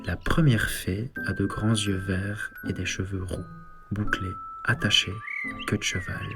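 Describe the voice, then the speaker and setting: A man leading a guided sleep meditation and bedtime story, speaking softly and calmly. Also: fairly low pitch. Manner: slow, soft, calm guiding delivery. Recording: soft ambient synth music underneath.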